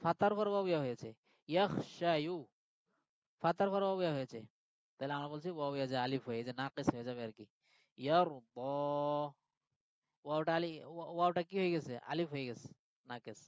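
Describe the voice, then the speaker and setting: A man with a fairly high voice teaching a live online grammar class. He walks through each point patiently and keeps asking whether his students follow. The sound is dry, close and a little muffled. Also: fairly quick, long pauses, dry recording. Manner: patient step-by-step explaining, checks in with students.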